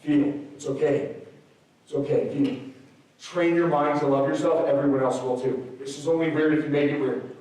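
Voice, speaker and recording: A slightly hoarse man giving an energetic motivational speech to a school assembly, swinging between loud peaks and soft asides. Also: fairly high pitch, moderate pace, far from the mic. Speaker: motivational speaker. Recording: very echoey hall, recorded from afar.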